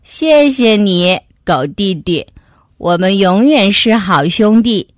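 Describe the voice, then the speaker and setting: A woman voicing a big, kindly male bear in a children's story, speaking deep and earnestly. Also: animated, slow, no echo, clean studio sound. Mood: warm. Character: big kindly bear brother, easily upset.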